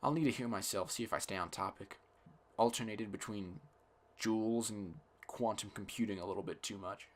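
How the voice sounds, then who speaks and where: A tired young man rambling casually on a solo podcast, thinking aloud in a self-deprecating way, with a slightly cracky voice and soft, imprecise R sounds. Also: lowish voice, normal speed. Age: young adult. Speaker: podcast host. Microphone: close podcast microphone.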